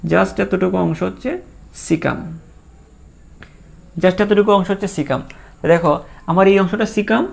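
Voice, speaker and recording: A man's voice: high-pitched, vocal fry, a little mellow. A man teaching a biology lesson, repeating key terms and asking and answering his own questions. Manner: voices imagined student questions. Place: recorded for an online lecture.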